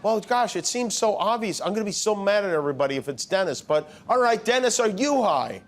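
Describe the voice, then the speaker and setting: Brief: middle-aged male TV host, high-ish voice, wry and teasing, live studio crowd with noise behind. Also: lively intonation, brisk. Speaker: late-night talk show host. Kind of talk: joking game-show banter with guests. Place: television studio.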